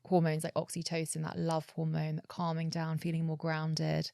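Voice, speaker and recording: A woman's voice: sits low, monotone, moderate pace, creaky, mellow, no echo. A woman yoga teacher, guest on a podcast, explaining her ideas in long, earnest, flowing runs. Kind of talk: conversational interview, explaining.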